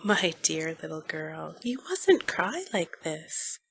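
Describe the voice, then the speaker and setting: A woman playing a kindly, gentle minister's wife with a soothing manner in an audiobook dramatization. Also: deep voice, sing-song, takes it slowly, gravelly, husky, heavily acted, rough recording. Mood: comforting. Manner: soothing, reassuring.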